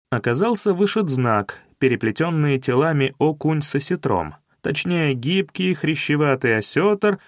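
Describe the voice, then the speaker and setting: A man narrating a detective audiobook with a wry, measured delivery. His voice sits somewhat high for a man. The recording is dry and close, with no room sound at all. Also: dry recording. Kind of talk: scripted narration of a detective novel.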